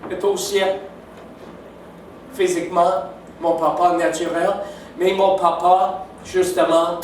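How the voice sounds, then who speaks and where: A high-voiced older man, English Canadian by accent and a native English speaker, is preaching in French as a visiting preacher. The sound comes from far back in a reverberant church sanctuary, with a little hiss or hum. He speaks warmly and emphatically, regularly turning to the congregation with "n'est-ce pas?"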